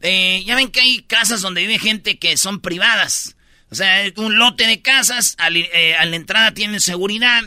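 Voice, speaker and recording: A man's voice: high voice, pushed and bright, no echo, studio quality. A Mexican man hosting a radio show, telling a news story with slangy, jokey commentary. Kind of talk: casual comedic commentary.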